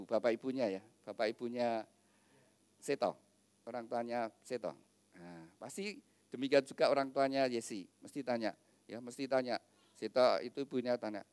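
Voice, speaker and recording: Pastor preaching at a wedding. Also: male voice, mid-range voice, clean tone, no room sound. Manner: warm joking asides to the couple and congregation. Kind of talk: wedding sermon.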